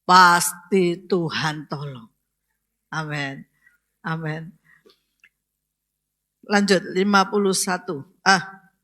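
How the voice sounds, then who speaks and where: A woman's voice: on the low side, fairly bright tone. A woman pastor, preaching a sermon and asking the congregation questions, rising to emphatic exclamations.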